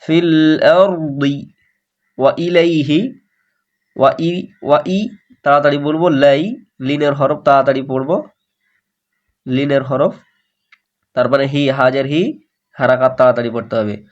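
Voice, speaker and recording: A man teaching Quran recitation, slowly reciting verses and explaining pronunciation rules. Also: mid-range voice, dull audio. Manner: slow melodic Arabic recitation between explanations. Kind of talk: slow tajweed lesson, reciting verses then explaining.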